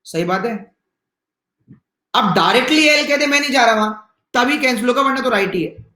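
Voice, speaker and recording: A male teacher with a Hindi accent, explaining reasoning questions in an online exam-prep class with lively, teasing asides and little acted-out dialogues. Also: very high voice, brisk, roomy sound.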